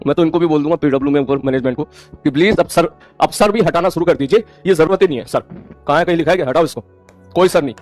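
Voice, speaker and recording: A man's voice: medium pitch, a little mellow. A man teaching an online class, lecturing his students sternly and scolding them.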